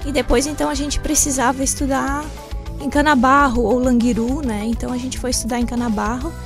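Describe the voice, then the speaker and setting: A woman's voice: high-pitched, level tone, a little fast, music in the background. A woman from southern Brazil, a shop owner interviewed in a radio studio, telling her story in a plain, simple way with frequent tag questions.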